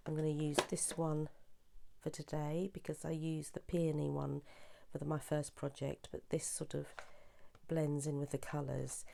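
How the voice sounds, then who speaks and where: Hoarse, gravelly woman. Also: sits low, dark tone, a little hiss or hum. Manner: chatty, meandering, with many restarts. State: hoarse from a sore throat. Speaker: papercraft demonstrator. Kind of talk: craft tutorial.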